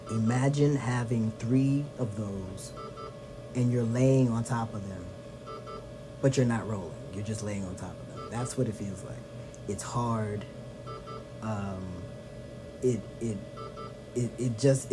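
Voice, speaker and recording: A man talking casually in a personal video diary, in a subdued, tired way that trails off softly. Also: medium pitch, rough recording. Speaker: vlogger. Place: lying on back in a hospital bed. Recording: music behind the voice.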